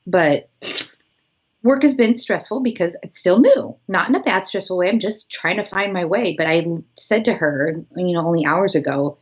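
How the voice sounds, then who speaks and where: A woman co-hosting a podcast over a video call with a husky voice, warm and supportive with quick reassuring replies. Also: on the low side. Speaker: podcast co-host. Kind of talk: casual chat. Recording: slightly dull video-call audio.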